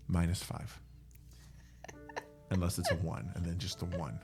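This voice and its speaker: A man narrating a tabletop game as game master, halting, with frequent fillers and self-corrections. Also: low voice, steady tone, music in the background.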